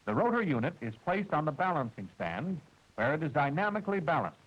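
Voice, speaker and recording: Narrating a wartime training film, a man speaks in a husky, fairly high voice with crisp, formal diction, his delivery animated and undulating. Each step is laid out steadily and deliberately. Faint music runs under the muffled, dull vintage audio.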